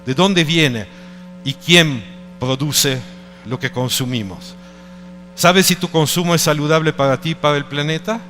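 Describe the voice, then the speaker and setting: A middle-aged man with an Italian accent gives a conference presentation in a reverberant hall, a faint bed of music underneath. His voice sits slightly high, and he speaks haltingly, often breaking off to rephrase and search for the right word. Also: sharp tone. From Italy. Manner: hesitant, searching for words with many restarts. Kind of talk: presentation talk.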